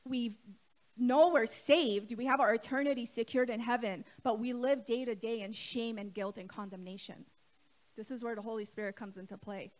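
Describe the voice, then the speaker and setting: Woman preaching a conversational sermon. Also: on the high side. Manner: conversational preaching, asks the congregation questions. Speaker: co-lead pastor.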